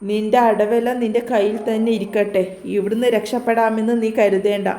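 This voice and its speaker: A woman voicing a cruel, quick-tempered male kidnapper who scolds harshly. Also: mid-range voice, level tone, mellow, reverberant, slight background noise, lightly acted.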